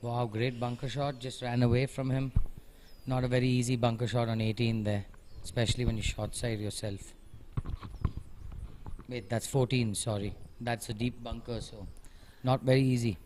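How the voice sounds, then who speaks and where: A man works as a live golf commentator, speaking at a medium pitch. He analyses shots in a conversational way and encourages the players. Ambient noise can be heard behind his voice. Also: level tone, normal speed, a little mellow. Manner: analytical, encouraging remarks on each shot.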